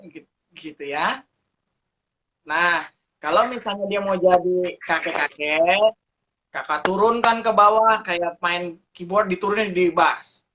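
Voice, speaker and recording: A man's voice: high-pitched, a little slow, pushed and bright. A man answering interview questions as a teacher of puppet ministry, talking animatedly and showing how to do voices as he explains.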